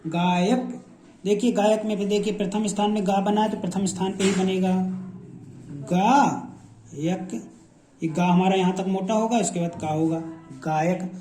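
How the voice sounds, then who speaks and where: A man's voice: sits high, fairly even intonation, a little fast, mellow. A man teaching a shorthand class, saying each example word aloud again and again as he explains how it is written. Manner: repetitive, drills each word aloud several times. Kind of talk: classroom lesson. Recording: echoey room.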